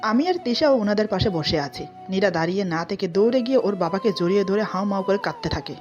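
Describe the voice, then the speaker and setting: Woman storyteller with a plain, steady delivery and animated pitch, recorded slightly muffled over soft music. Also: fast talker. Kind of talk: scripted story narration.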